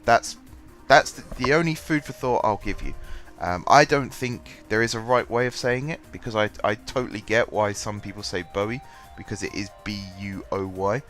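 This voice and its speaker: A gaming channel host with a cold talks over his gameplay in a stuffy, congested voice that sits fairly low. He goes at normal speed with few pauses, rambling with plenty of ums and restarts as soft music plays quietly.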